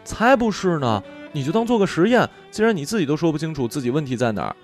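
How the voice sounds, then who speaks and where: A man voicing a bold, playful young woman roommate in an audio story, pitching his voice up and talking in a brisk, coaxing way. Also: lively intonation, soft background music, close to an everyday voice.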